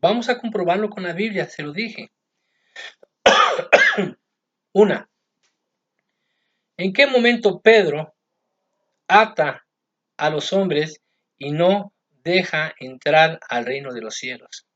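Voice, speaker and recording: A man's voice: high voice, lively intonation, slow, long pauses, fairly bright tone, dull audio. A man preaching a sermon, conversational and constantly checking in with "¿sí?" and "¿verdad?". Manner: conversational, keeps asking ¿sí? and ¿verdad?.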